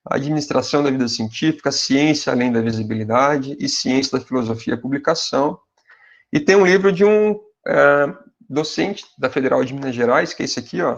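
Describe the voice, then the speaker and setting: A university professor in his forties with a Brazilian Portuguese accent and a gravelly, mid-range voice gives graduate students advice in a relaxed, conversational style. He talks straight to his viewers, calling them "pessoal," and often adds little tags asking whether they follow. The audio sounds somewhat dull and lo-fi.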